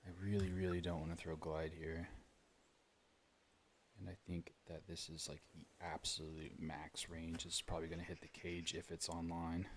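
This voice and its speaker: A man's voice: low-pitched, little pitch movement, moderate pace, slight background noise. A young man from rural Illinois streaming a game, chatting casually with his viewers while he plays. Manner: chatty, talks to chat while playing. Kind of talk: casual gameplay commentary.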